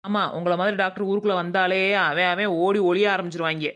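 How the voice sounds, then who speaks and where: A voice actor playing a scatterbrained young village nurse in a cartoon comedy, blunt and quick, with a Madurai Tamil accent. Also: mid-range voice, fairly even intonation, fairly bright tone, lo-fi sound, close to an everyday voice.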